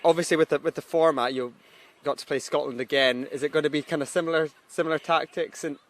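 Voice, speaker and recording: A man interviewing a coach pitchside at a sports broadcast, asking friendly questions. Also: steady tone, fast.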